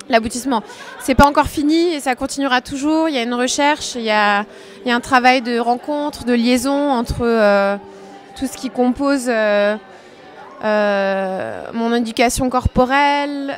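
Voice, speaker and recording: A dancer from France answering interview questions in a loose, chatty way. She hesitates often and fills pauses as she thinks. Her voice sits on the higher side for a woman. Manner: hesitant, many fillers. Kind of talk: casual interview chat.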